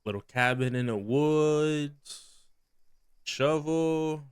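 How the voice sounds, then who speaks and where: A man's voice: on the high side, very slow, smooth, no room sound, studio quality. A man giving let's play commentary on a game, reacting with startled exclamations and chuckles. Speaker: gamer.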